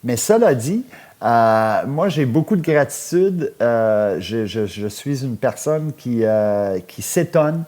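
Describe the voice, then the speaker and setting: Brief: man as radio host, rambling, hesitant, mid-pitched. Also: lively intonation, a little mellow. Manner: rambling, halting, full of hesitations. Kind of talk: comic radio call-in parody.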